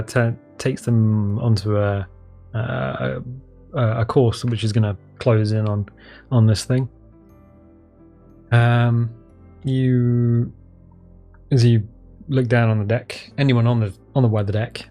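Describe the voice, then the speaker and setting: A man improvising narration as game master of a tabletop game, halting and hesitant. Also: mid-range voice, darkish tone. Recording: music playing behind the voice.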